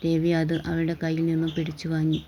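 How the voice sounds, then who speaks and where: Monotone storyteller with a mellow tone. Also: mid-range voice, slight background noise. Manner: even, unhurried reading with small restarts. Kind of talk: scripted story narration.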